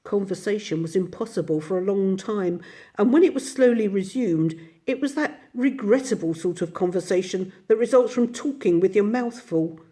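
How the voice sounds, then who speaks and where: A woman reading a classic children's storybook aloud in a gentle, unhurried way. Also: medium pitch. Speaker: narrator.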